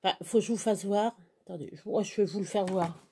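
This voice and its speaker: Her speech is quick, medium-pitched and dark-toned, with slight background noise: an older Touraine woman from central France, a craft vlogger, talking loosely to followers while crafting and frequently hesitating or starting over.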